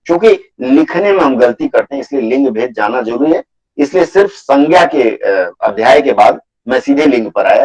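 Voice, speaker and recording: A man teaching a Hindi grammar class over a video call, patiently repeating his points and slowly listing example words for students. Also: mid-range voice, rough recording. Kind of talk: live online class lecture.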